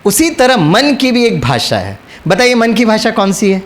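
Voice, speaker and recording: Guy giving a spiritual talk, high voice bouncing all over, tells stories and gets the crowd repeating. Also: big pitch swings, moderate pace. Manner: storytelling, coaxing the audience to repeat lines. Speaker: spiritual speaker. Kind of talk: motivational spiritual talk to an audience.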